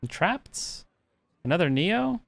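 A man's voice: high voice, very animated, slow pace, gravelly, slight background noise. A man streaming a card game, chatting casually and thinking through his moves aloud with plenty of fillers. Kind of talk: casual gameplay commentary.

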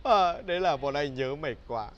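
An actor playing a rowdy young man with a Northern Vietnamese accent, who pleads and scolds in a fast, overdone way. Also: on the high side, expressive, highs cut off, crowd noise, natural voice. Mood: pleading. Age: young adult. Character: rowdy young guy, melodramatic and blunt. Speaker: actor in comedy sketch.

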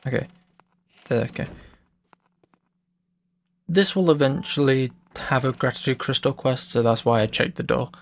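A man's voice: medium pitch, normal speed, pauses often. A man giving casual, explanatory commentary as he plays through a video game. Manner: relaxed, explanatory, self-correcting. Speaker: let's play host.

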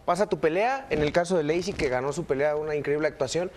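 A young Mexican man answering interview questions as a fighter, relaxed and reflective, with lots of filler words. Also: fairly high pitch, fast, slight background noise. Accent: Mexican Spanish. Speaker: interview guest, UFC fighter.

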